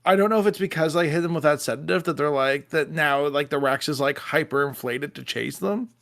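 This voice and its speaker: A man co-hosting a podcast, talking in an animated, excitable way and swearing freely. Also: on the high side, brisk, vocal fry. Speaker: podcast co-host. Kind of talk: casual chat.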